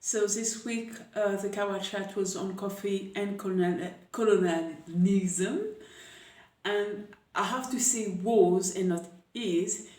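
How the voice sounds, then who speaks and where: A woman from Paris, hosting a casual coffee chat and talking with many hesitant pauses. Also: mid-range voice, steady tone, darkish tone. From Paris, France. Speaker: coffee camp host. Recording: echoey room, voice a bit far from mic.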